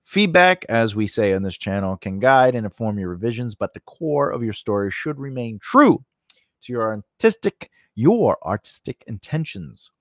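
A screenwriting tutorial host in his forties speaks at normal speed with a mid pitch that swings animatedly, emphatic and informal as he talks to camera, partly from notes. He's in an indoor home studio, on a close, mounted condenser mic with a dry sound and no room echo.

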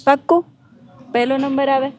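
Female field reporter, high-pitched, playful, interviewing kids outside. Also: normal speed, a little mellow, slight background noise. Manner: playful, teasing questions. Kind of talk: on-location interview with schoolchildren. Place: outside at a girls' school.

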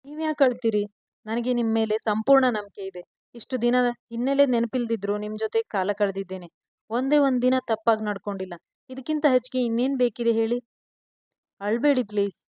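A woman's voice: on the high side, fairly quick, warm tone, no room sound, natural voice. A woman voicing a remorseful young woman who pleads and apologizes through tears. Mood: consoling.

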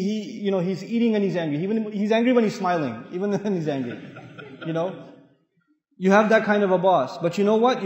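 Man, middle-aged, from Pakistan, Islamic lecturer, high voice, lively joking storytelling, big hall with long echo. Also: muffled recording. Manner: animated, humorous, acts out voices. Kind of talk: sermon-style talk with storytelling. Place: large mosque hall. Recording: echoey hall with long reverb.

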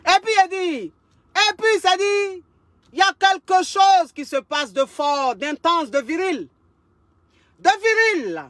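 A woman relationship coach, telling a story in a lively way and repeating phrases for emphasis. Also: very high voice, measured pace, dry recording. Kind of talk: casual storytelling monologue.

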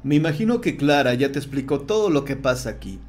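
A man voicing a bald male cult leader who speaks in a soft, calm, falsely warm way in an audiobook story. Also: medium pitch, quick pace, natural voice. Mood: feigned calm.

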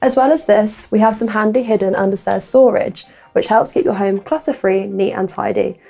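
A woman's voice: mid-range voice, normal speed, creaky, warm tone. A young woman presenting a scripted house tour as a property presenter, with upbeat, complimentary sales patter. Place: indoor rooms of a furnished house. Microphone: lapel mic.

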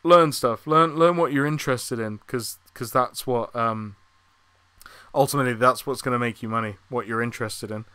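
A man's voice: medium pitch, moderate pace, bright, forceful tone, clean tone, no echo. A man with a British accent casually chatting as he streams a video game live from a room at home. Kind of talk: casual chat over gameplay. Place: small room at home, indoors. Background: faint game music.

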